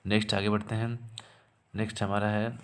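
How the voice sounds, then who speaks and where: Deep-voiced man teaching exam facts. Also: little pitch movement, normal speed, slight background noise. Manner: repeats key terms, asks and answers his own questions. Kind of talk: exam-prep lesson.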